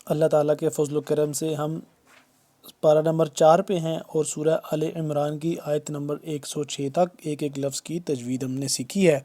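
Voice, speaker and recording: A man teaching tajweed. He recites verses slowly and loudly, then explains each rule in a quicker, quieter voice. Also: on the high side, flat delivery. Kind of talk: slow, word-by-word recitation lesson.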